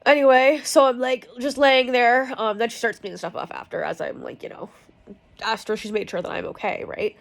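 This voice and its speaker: A young woman with a slightly high voice tells a story in a loose, chatty ramble. She talks frankly, swears freely and leans on fillers as she goes. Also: fairly quick, creaky. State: in pain from cramps. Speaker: vlogger. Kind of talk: casual storytelling chat.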